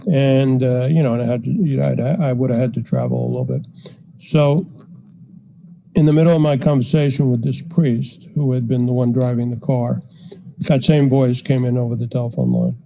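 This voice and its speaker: An older man, a psychiatrist guest on a podcast, telling a story in a measured way with frequent fillers. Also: mid-range voice, fairly even intonation, creaky, warm tone. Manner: measured, anecdotal, frequent "you know" fillers. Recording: dull lo-fi podcast audio.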